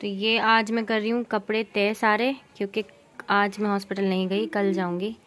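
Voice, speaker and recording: A woman's voice: mid-range voice, level tone, normal speed, a bit bright. A woman chatting casually to her viewers in a vlog, talking straight to them with plenty of fillers. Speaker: vlogger. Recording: music playing underneath.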